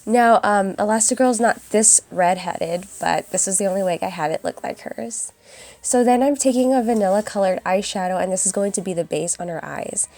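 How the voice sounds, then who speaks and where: A young woman with a raspy, hoarse voice from a cold, chatting casually through a makeup tutorial voice-over. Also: medium pitch, moderate pace, a little mellow. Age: young adult. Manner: chatty and upbeat, addresses viewers as guys. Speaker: beauty vlogger. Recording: voice-over with faint music behind.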